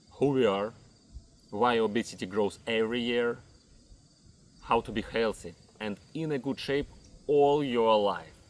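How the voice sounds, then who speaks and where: Speaking to camera, this Ukrainian fitness coach in his thirties gives a slow, measured lesson in English, his second language, with non-native grammar. His pitch is fairly low, his accent clearly Ukrainian, and he goes through items one at a time.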